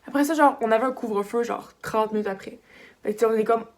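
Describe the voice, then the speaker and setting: Filmed on a phone camera, a young vlogger from Quebec, Canada, tells a story in a chatty, rambling way, packed with filler words. She has a Québécois French accent and speaks fast in a fairly high voice.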